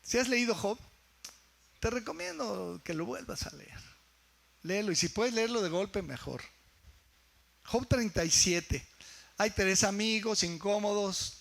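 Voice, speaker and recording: A man's voice: sits high, animated, measured pace, gravelly, long pauses, a bit bright. A man with a Mexican Spanish accent preaching a sermon as pastor in a church, in a conversational way with frequent tag questions.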